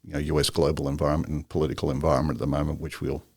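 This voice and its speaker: A man's voice: a bass voice, flat delivery, rapid-fire, a little mellow, no echo, studio quality. A male entrepreneur as an interview guest, talking casually in a rambling, joking way full of fillers.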